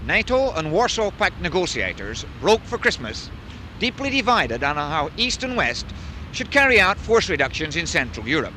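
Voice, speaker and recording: A man working as a news reporter, delivering scripted questions and reports in a formal, deliberate broadcast manner. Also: fairly high pitch, big pitch swings, pushed and bright. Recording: 1970s archive news recording, faint noise.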